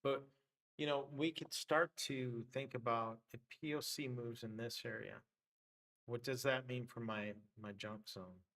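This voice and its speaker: A man's voice: mid-range voice, steady tone, a little slow, a bit bright, low-quality recording. A man hosting a live trading stream, talking loosely through his charts with many fillers, his voice getting worn. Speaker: trading livestream host. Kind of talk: casual live trading commentary.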